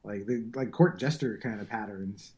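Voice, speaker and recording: A man's voice: on the low side, moderate pace, a little mellow. A man hosting a podcast, chatting casually about a film with frequent restarts.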